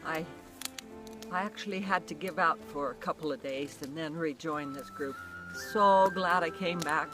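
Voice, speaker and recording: A woman in her sixties on a hiking trip, speaking slowly and warmly about the trip in a casual interview. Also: low-pitched, over music. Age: 60s. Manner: slow, warm, appreciative. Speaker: hiking companion being interviewed. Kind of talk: casual on-camera chat. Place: outdoors on a mountain trail.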